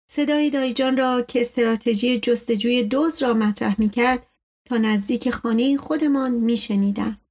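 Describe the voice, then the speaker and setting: Woman narrating an audiobook. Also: on the high side.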